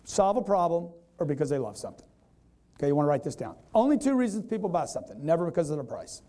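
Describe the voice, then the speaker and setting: A man giving an energetic live sales seminar, quizzing the audience and acting out customers in quoted voices. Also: fairly high pitch, quick pace. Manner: energetic, repetitive, keeps quizzing the crowd. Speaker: sales trainer.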